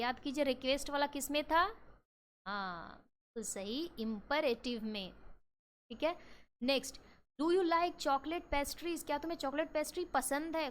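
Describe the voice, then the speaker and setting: A woman with an Indian accent teaching English grammar in a lesson, reading examples out slowly and explaining them with rhetorical questions. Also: high voice, a bit bright. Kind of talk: classroom lesson in Hindi and English.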